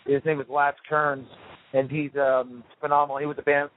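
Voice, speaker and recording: A man in a band, talking casually over the phone from a tour RV, relaxed and rambling with lots of fillers. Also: on the high side, moderate pace. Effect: heard over a phone line. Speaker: touring rock band member interviewed as guest. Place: tour RV on the road. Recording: tinny phone line.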